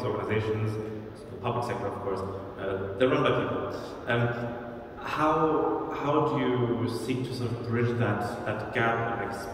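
A man moderating a conference panel, posing probing, halting questions. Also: fairly low pitch, background noise. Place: large conference hall. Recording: echoey hall recorded from far off.

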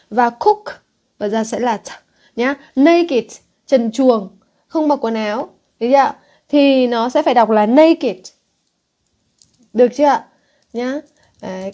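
A woman with a Northern Vietnamese accent teaches an English exam-prep lesson in a warm, mellow voice set a touch high. She says English words aloud and then explains them. She checks with her students again and again. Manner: checks in with students constantly, asking if they follow.

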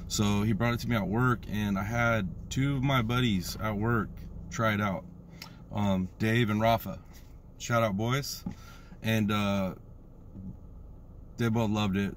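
Slangy American man, slightly low voice. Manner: slangy, drawn-out hype catchphrases. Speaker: product reviewer. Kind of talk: casual vlog review. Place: inside a parked car. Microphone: phone at arm's length. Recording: noticeable background noise inside a car.

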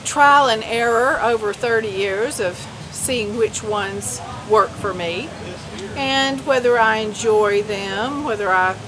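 A middle-aged woman from Alabama, a watercolor painter, giving measured, unhurried answers in an outdoor interview. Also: fairly high pitch, background noise. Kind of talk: casual interview. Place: outdoors at an art fair booth. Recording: crowd chatter behind.

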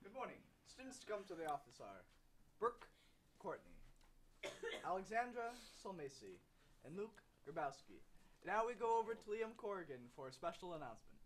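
A man's voice: sits high, very animated, moderate pace, slight background noise. A teenage boy reading names and signing off the school announcements. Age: teens. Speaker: student announcer.

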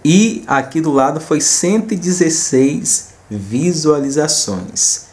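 A man's voice: a little high, sing-song, takes it slowly, darkish tone. A man with a Brazilian accent, casually narrating a screen recording as a channel host and addressing viewers informally, often repeating himself. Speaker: host of a small gaming video channel.

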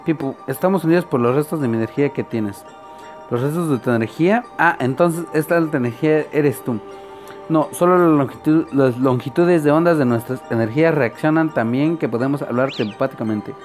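A man reading as a gentle devoted Martian girl. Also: mid-range voice, brisk, faint music behind, natural voice. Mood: earnest. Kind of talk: reading game dialogue aloud.

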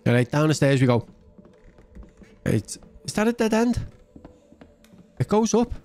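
With faint music playing behind, a man's slightly high, a little mellow voice swings widely in pitch as he talks a little slowly. He's a gaming channel host in his thirties or forties, chatting and thinking aloud through a let's-play at an indoor setup, close to his desk mic.

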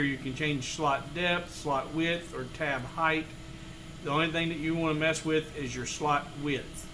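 A man in his forties walking through a woodworking design file step by step, with relaxed explanations and frequent fillers. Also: fairly high pitch, noisy background. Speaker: woodworking tutorial host. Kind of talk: screen-recorded software tutorial. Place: home studio room.

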